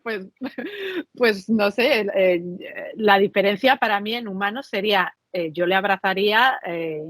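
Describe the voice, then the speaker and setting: A woman from Mexico and Spain, a podcast guest, telling stories in an animated, chatty way and often checking in with tag questions. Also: medium pitch, unhurried, no room sound. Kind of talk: conversational interview.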